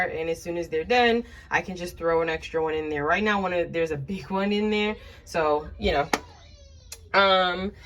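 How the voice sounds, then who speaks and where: A woman's voice: fairly low pitch, fairly bright tone. A woman in her thirties casually walking through her organized home closet, chatting with lots of fillers as she shows each item. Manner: chatty, many fillers, describing items as she shows them. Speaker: vlogger.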